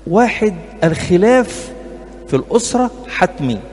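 In a reverberant church hall with faint background noise, a middle-aged man with an Egyptian accent gives a marriage counseling talk to couples, funny and anecdotal and aimed right at his listeners. His voice sits high and sing-song, a little mellow, at a moderate pace.

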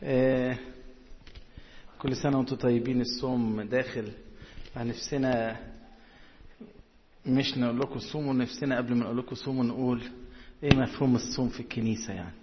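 Egyptian preacher in a reverberant hall. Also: male voice, medium pitch, fairly even intonation, lo-fi sound. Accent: Egyptian Arabic. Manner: coaxing, asks the audience questions, reads verses slowly. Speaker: church preacher. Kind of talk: sermon with scripture reading. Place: church hall.

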